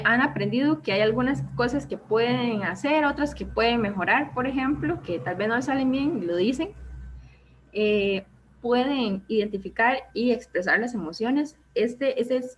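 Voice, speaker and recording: A fairly high-voiced woman with a Costa Rican accent talks through a self-esteem workshop as a therapist, chatty and warm in pacing. She often checks in with "ok?" and performs the inner voices she describes. The sound is dull and lo-fi, with a faint hiss underneath. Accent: Costa Rican Spanish. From Costa Rica. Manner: conversational, checks in with frequent "¿ok?" and "¿verdad?"; acts out quoted thoughts in a raised voice. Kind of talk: live online workshop talk.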